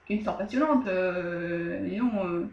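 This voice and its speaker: A woman's voice: on the low side, measured pace, darkish tone, echoey room, lo-fi sound, a little hiss or hum. Woman doing a chatty, nosy old sheikh. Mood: curious. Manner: chatty, curious, rambling.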